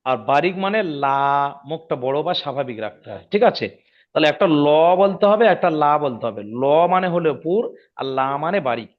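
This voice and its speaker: A man's voice: fairly high pitch, lively intonation. A man teaching Quran reading rules in an online lesson, patiently repeating each rule and checking if his students follow. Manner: slows down and drawls when demonstrating recitation. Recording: dull lo-fi audio.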